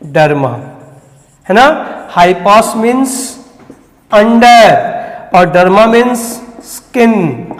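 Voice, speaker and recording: Slow, high-voiced man teaching vocabulary. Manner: asks questions and answers them himself; repeats key words slowly. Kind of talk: vocabulary lesson. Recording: echoey room with long reverb.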